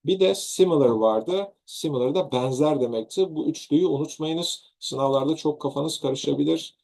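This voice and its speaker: A man's voice: fairly high pitch, moderate pace, vocal fry, warm tone. A man with a Turkish accent teaching English grammar in an online lesson, patiently repeating and rephrasing example sentences.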